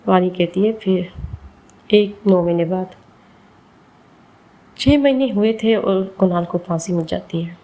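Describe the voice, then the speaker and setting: A woman's voice: lowish voice, measured pace, pauses often, mellow, low-quality recording. A woman narrating a dramatic serialized love story, emotional and speaking to listeners as guys.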